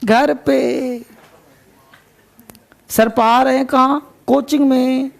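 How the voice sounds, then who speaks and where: A man teaches an English story, reading each line slowly before explaining it. His voice sits very high and has a gravelly edge. His delivery is unhurried and deliberate. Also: steady tone. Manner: slow, deliberate reading of English lines, quicker asides. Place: coaching class.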